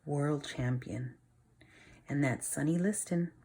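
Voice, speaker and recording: A woman teacher with a low-pitched, dark voice reads a picture book to young listeners. Her approach is instructive, with pauses to question them and explain things in plain words.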